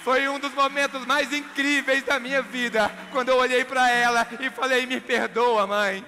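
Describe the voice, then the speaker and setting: A man's voice: very high voice, moderate pace, a little hiss or hum. A man, telling a dramatic motivational story as a speaker and acting out the dialogue. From Brazil. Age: 30s. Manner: animated, acts out dialogue. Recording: background music.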